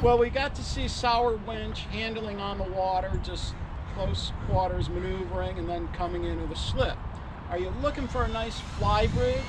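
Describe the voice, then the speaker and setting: A man's voice: steady tone, normal speed, heavy background noise. A man giving an upbeat salesman's walkthrough tour of a boat, outdoors at a marina. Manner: upbeat salesman pitch, pointing out features.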